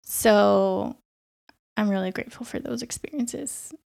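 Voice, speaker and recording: A woman's voice: mid-range voice, a little slow, creaky, loud music behind the voice. A young adult woman, a nurse, talking in a reflective, chatty way on a podcast and often laughing. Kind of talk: casual podcast chat.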